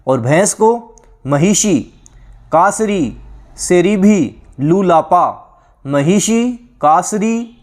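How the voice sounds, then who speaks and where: High-voiced man drilling word lists. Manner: asks and answers his own questions. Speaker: teacher. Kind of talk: exam-prep lesson.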